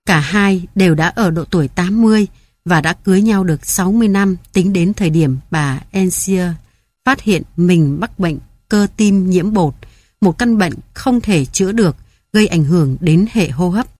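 A woman reading an audiobook in a calm, measured narration. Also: fairly low pitch, no room sound.

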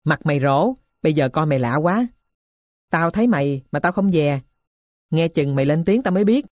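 A woman's voice: low voice, animated, normal speed, darkish tone, no room sound, studio quality. A woman voicing a poor runaway boy grieving his dead sister, in an earnest, confiding way.

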